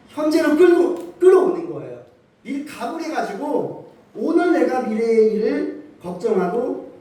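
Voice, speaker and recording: A male pastor preaches with a high, lively voice that climbs and dips as he stresses his points. His tone is mellow and dark despite the height. He sounds distant from the mic, caught in the strong echo of a church hall. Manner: animated preaching with rising emphasis and rhetorical questions. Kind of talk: sermon. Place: church sanctuary.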